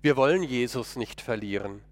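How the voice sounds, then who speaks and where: A man's voice: mid-range voice, normal speed. A man delivering a first-person dramatic monologue sermon in an earnest, emotional, pleading way.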